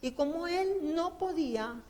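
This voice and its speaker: A woman's voice: very high-pitched, expressive, measured pace, mellow, a little hiss or hum. A woman preaching an evangelical sermon in a church, fervent and pleading, who sings hymn lines and acts out quotes.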